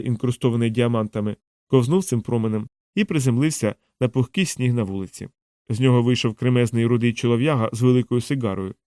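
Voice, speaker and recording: A man reads a novel aloud in a calm, measured voice at a middling pitch. The recording is close and dry, with no room echo. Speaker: audiobook narrator. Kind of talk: scripted novel narration.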